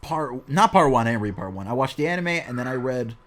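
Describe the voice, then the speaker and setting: A young man hosting a casual podcast, talking fast and animated with plenty of swearing and banter. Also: medium pitch. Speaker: podcast host.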